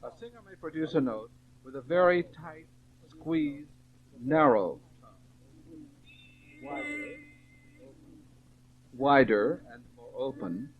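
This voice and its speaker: A man giving measured, scripted narration on an old training tape, his voice wobbling with the warble of wow and flutter. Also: medium pitch, very animated. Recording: thin, phone-like old tape transfer.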